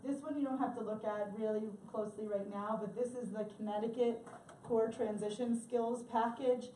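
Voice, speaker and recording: A woman's voice: a little high, dark tone, a little hiss or hum. Woman presenting in an echoey room. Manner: conversational, chatty with fillers. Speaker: assistive technology workshop presenter. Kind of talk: workshop presentation. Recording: echoey room, mic far off, faint ambience.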